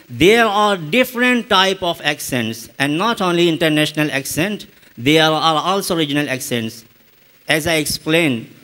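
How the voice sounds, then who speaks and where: A man with an Indian English accent, teaching a spoken English lesson with slow, deliberate explanations and repeated examples. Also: high voice, fairly bright tone.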